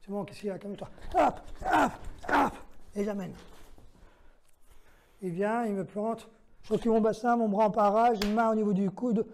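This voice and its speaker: A man's voice: high voice, fairly even intonation, a little fast, pauses often, noisy background. A man leading a self-defense lesson, explaining each move step by step while demonstrating and counting the moves aloud. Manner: explains step by step, checks in with "d'accord?".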